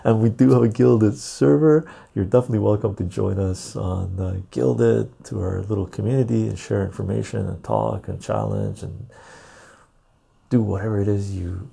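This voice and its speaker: A man hosting a casual live stream in a laid-back, jokey way, with a gravelly, husky voice, recorded on a clip-on lapel mic. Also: on the low side, fairly even intonation, normal speed, mellow. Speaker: live stream and podcast host. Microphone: lapel mic clipped on.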